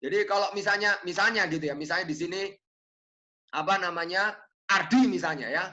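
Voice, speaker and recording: A preacher from Indonesia delivers a chatty sermon in a bright, forward voice. Phrases keep ending in a checking "ya", and quoted speech gets acted out with lively shifts. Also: mid-range voice, fairly quick, lo-fi sound. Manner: conversational, tags phrases with "ya", addresses listeners as friends; acts out quotes with animated shifts.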